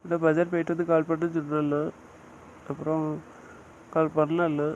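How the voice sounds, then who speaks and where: A man's voice: on the high side, little pitch movement, normal speed, darkish tone, muffled recording, slight background noise, close to an everyday voice. A man playing a young husband who hesitantly downplays a head injury and soothes his wife in an audio drama. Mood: soothing.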